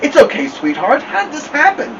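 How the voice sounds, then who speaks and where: A man's voice: high-pitched, sing-song, normal speed, distant mic, highs cut off, noisy background, pitched above the performer's own voice. A worried mother with a Southern US accent speaks tenderly and anxiously, as a man reading aloud puts her on. Her voice sits a little raised and moves freely. The mic is set back, and an air conditioner hums throughout.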